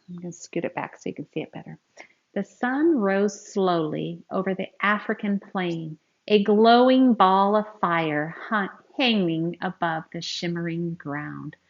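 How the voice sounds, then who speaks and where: This is read-aloud storytelling: a woman with a somewhat low voice slowly works through a picture book for children, pausing for asides addressed straight to them. Her manner is animated and like a teacher's, and the recording sounds slightly muffled and lo-fi.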